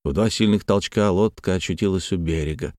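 A man narrating a classic novel in a measured, expressive reading. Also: low-pitched, dry recording, studio quality. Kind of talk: scripted literary narration.

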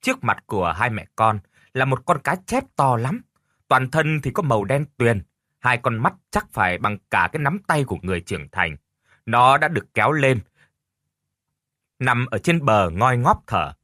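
A man narrating a scripted village horror story in an expressive storytelling manner. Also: mid-range voice, moderate pace, no echo, clean studio sound.

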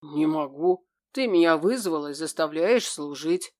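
A woman voicing a smug, grumbling male demon in an audiobook, speaking slowly and drawing out her words. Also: low voice, animated. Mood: indignant. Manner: slow, drawn-out and smug, at times breathy and soft.

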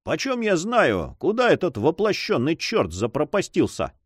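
A man voicing a burly, hot-tempered buccaneer in his forties who talks roughly and impatiently in a storybook reading. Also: on the high side, huge pitch swings, moderate pace, dry recording, studio quality, heavily acted. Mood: angry.

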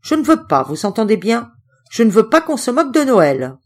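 A woman reading an audiobook, voicing a grumpy, quick-tempered old uncle who scolds loudly. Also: animated, lightly acted. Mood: indignant. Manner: scolding, gruff and booming.

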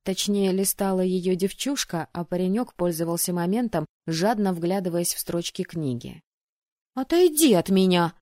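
A woman narrating a fantasy audiobook in the first person, telling it in a lively, expressive way. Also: on the low side, normal speed, few pauses, dry recording, clean studio sound. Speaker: audiobook reader.

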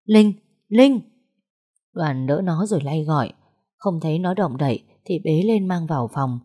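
A woman narrating a sad story in a slow, somber, measured way. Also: low-pitched, warm tone, slightly rough.

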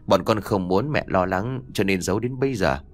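A man voicing a young husband in an audio story, calm and reassuring. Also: deep voice, moderate pace, no echo, voice pushed down, natural voice. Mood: soothing. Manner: gentle, reassuring.

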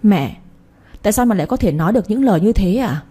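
A woman's voice: mid-range voice, animated, quick pace, mellow, breathy edge. A woman voicing a young wife who defends herself earnestly and politely. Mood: indignant.

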